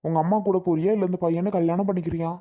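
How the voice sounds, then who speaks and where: A man voices a calm police officer in a family drama skit. His voice is flat and mellow, with little rise or fall. He asks his questions patiently and steadily. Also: high-pitched, racing, muffled recording, close to an everyday voice.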